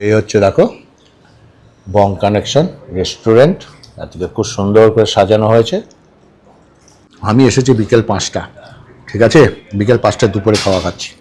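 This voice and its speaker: A man's voice: on the low side, brisk, pauses often, darkish tone. A man chatting casually at a restaurant table as a food vlogger, repeating dish names and checking in with viewers. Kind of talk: casual food vlog chat.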